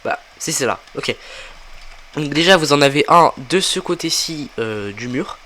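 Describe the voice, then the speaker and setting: A man's voice: on the high side, a little slow. Man casually narrating his gameplay. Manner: relaxed, thinking aloud with many fillers. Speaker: gaming tutorial creator. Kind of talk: casual game walkthrough commentary.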